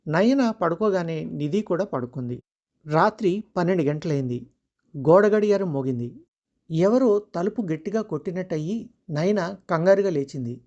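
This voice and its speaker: A storyteller reading a scripted tale at an even, measured pace, in a voice of middling pitch. The recording sounds dull and lo-fi, lacking sharp highs.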